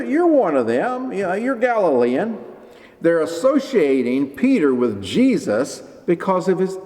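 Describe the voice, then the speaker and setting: A man preaching a sermon as pastor, lively and expressive, briefly acting out the people he quotes. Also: mid-range voice, big-room sound.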